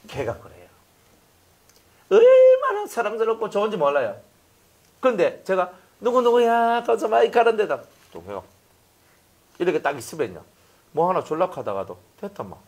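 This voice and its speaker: A middle-aged male pastor preaching a sermon in an animated way, acting out little scenes with voices. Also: a little high.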